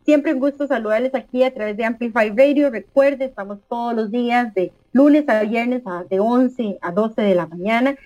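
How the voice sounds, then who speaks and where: A Costa Rican woman hosting a radio interview, full of effusive praise and pausing on the filler "este". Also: on the high side, darkish tone, no room sound, low-quality recording. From Costa Rica. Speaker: radio host.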